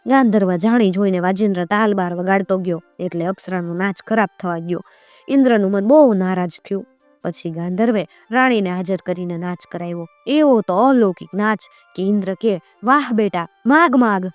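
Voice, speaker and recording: A woman's voice: medium pitch, brisk, a little mellow, no echo, faint music behind. Woman telling an old folk tale. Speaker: storyteller.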